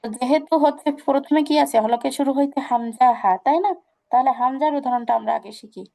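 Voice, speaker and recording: A woman. She goes slowly, repeating each example and quizzing her students. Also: high voice, gravelly, mellow. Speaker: Quran recitation teacher. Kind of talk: online class instruction.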